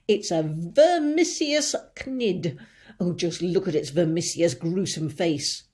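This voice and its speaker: A woman's voice: fairly low pitch, fairly even intonation, moderate pace, a little mellow, close to an everyday voice. Woman voicing a fretful police chief. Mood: alarmed. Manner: fretful, dramatic warnings. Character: nervous gloomy male police chief.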